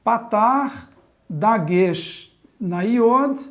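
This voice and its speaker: A woman's voice: a little high, expressive, drawn-out words. A woman teaching a Biblical Hebrew grammar lesson at a chalkboard, methodically spelling out letters and vowels one by one. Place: classroom with a chalkboard.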